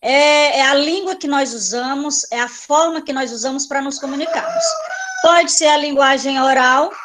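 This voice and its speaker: A woman's voice: high voice, sing-song, moderate pace, noisy background. A woman teacher giving an online class, explaining patiently, repeating points and checking in with her students.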